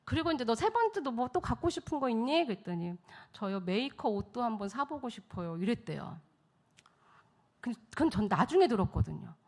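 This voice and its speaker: A middle-aged woman, a missionary speaker, telling a lively testimony story at a church service, acting out the people she quotes and laughing often. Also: on the high side, fairly quick. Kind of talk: testimony sermon.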